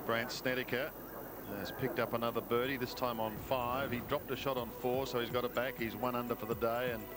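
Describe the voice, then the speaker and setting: A man with an Australian accent giving measured live golf commentary as a broadcaster calls the play. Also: medium pitch, flat delivery, music in the background. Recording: outdoor broadcast with loud ambient noise.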